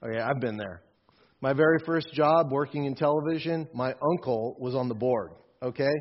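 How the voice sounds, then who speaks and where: A man's voice: medium pitch, normal speed. A man preaching a sermon emphatically, repeating phrases for stress. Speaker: pastor. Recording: dull lo-fi recording.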